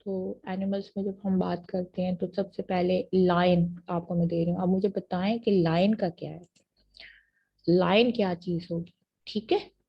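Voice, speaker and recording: A woman university lecturer with a Pakistani accent, explaining terms patiently and reading English definitions slowly, in a muffled lo-fi recording. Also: fairly low pitch, steady tone, gravelly, slightly rough. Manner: patient, repeats checks like "theek hai ji" after each point. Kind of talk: classroom lecture mixing Urdu and English.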